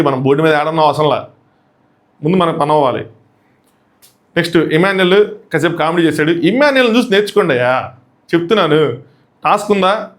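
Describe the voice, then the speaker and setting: A man with a Telugu accent giving a quick, animated review of a reality show episode, acting out the contestants' lines. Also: fairly high pitch. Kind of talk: fast episode review commentary.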